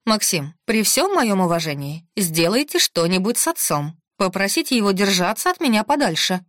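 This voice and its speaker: A woman voicing a fiery, indignant cook who rattles on in a shrill voice. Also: sing-song, normal speed, fairly bright tone, no echo, studio quality.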